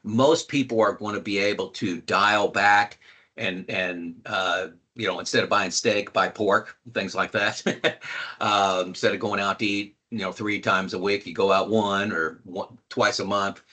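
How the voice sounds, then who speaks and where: A man's voice: lowish voice, steady tone, a little slow, sharp tone. An older man hosting a casual screen-share tutorial on retirement planning, folksy and emphatic, repeating key points. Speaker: retirement planning video host.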